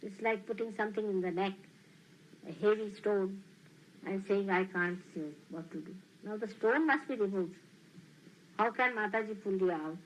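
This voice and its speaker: A woman's voice: mid-range voice, normal speed, pauses often, lo-fi sound, slight background noise. A woman spiritual teacher lecturing emphatically and admonishing her listeners.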